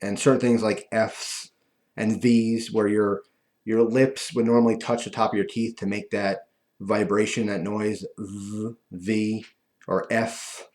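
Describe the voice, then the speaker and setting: Lispy, low-voiced man missing front teeth. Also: level tone, unhurried, a little mellow. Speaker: video host. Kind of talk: casual rambling talk to viewers.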